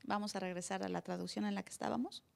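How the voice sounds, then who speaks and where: A woman pastor preaching a sermon live in church, acting out voices with sudden loud cries. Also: mid-range voice, steady tone, fast talker, gravelly.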